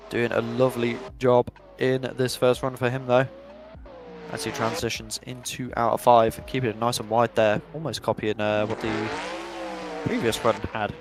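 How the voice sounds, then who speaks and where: A man's voice: mid-range voice, level tone, moderate pace, over music. A young man giving chatty, upbeat play-by-play commentary on a virtual drift event and reading out live chat.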